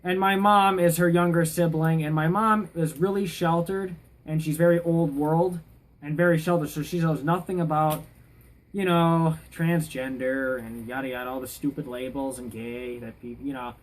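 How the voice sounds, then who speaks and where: A woman's voice: low voice, steady tone, moderate pace, poor audio. A woman ranting casually to camera in a vlog, rambling with many fillers and restarts, rising to indignant outbursts. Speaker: vlogger.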